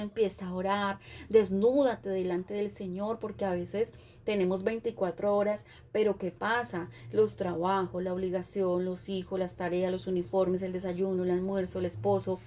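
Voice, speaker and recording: A woman's voice: mid-range voice, dark tone. A woman pastor preaching a sermon with an earnest, repetitive cadence.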